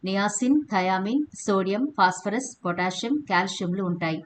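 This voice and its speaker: A woman's voice: mid-range voice, moderate pace, slight background noise. Woman narrating home remedies steadily. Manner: steady explanatory, addresses viewers as friends. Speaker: home remedy channel host. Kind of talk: scripted voice-over narration.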